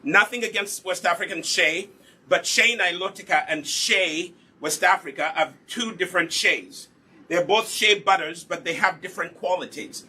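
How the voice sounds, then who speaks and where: In a live online hair care lesson, a Ugandan instructor who also makes products demonstrates patiently, asking rhetorical questions and then answering them. He talks at a moderate pace in a high-pitched voice that is sharp and husky.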